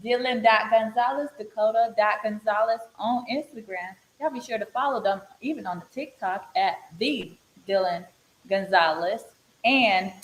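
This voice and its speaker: A woman podcast host giving a casual sign-off in a chatty, animated way that sometimes stumbles over its words. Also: medium pitch, moderate pace. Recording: echoey room with faint hiss.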